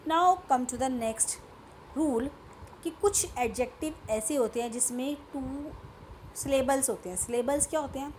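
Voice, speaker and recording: A woman with an Indian English accent teaches a grammar lesson in a slightly high voice, moving slowly and deliberately. She mixes Hindi and English and keeps stopping to check that her students have followed. A faint background noise sits under the recording. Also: a little mellow.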